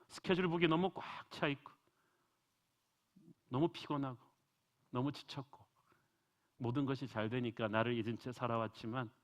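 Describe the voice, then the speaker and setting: Gentle, soft-spoken male God figure, done by a preacher, comforting; dull lo-fi sound. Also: medium pitch, natural voice. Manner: soft, hushed and tender.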